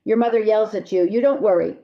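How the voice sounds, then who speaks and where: A woman's voice: mid-range voice, fairly quick, dull audio. A woman marriage therapist answering viewer questions, giving blunt, emphatic advice and speaking straight to the listener.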